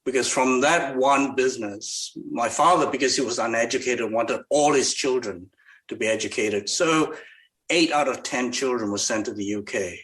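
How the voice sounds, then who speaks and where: An older man from Malaysia answering interview questions conversationally, haltingly, often repeating words as he goes. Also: mid-range voice, fairly bright tone, low-quality recording. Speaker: podcast guest, investor.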